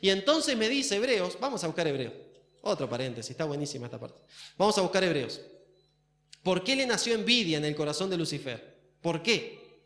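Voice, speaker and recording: An Argentine pastor delivers a sermon with a high-pitched man's voice. He keeps questioning his listeners and lands hard on the key words. His voice carries an echo from the church hall around him. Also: sing-song, brisk, a bit bright. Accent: Argentine Spanish. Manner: questioning, emphatic.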